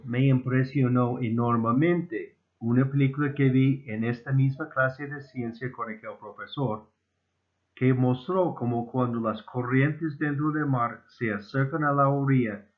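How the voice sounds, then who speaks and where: A mid-range male voice reads a formal, scripted lecture deliberately and with slight stumbles, as Spanish isn't his first language. He's an amateur inventor presenting his own proposal, heard through muffled, phone-like narrow-band audio.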